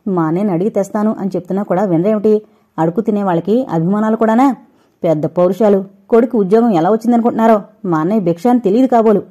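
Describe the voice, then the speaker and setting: A sharp-tongued young wife hurls scornful, rapid tirades in a loud, mellow voice, as a woman reading an audio novel puts her on. Storybook drama. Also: medium pitch, natural voice. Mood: furious scornful. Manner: taunting, shouting fast tirades.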